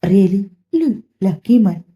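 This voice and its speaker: A woman voicing a grown man's friendly, teasing remarks in a story reading, slow and chatty, with a dull lo-fi sound. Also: mid-range voice, big pitch swings. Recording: dull lo-fi recording.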